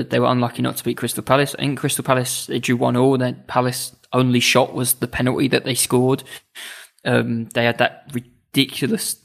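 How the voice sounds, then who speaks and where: A man's voice: medium pitch, creaky, fairly bright tone. A man chatting casually about football on a podcast, laid-back and wry. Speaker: football pundit.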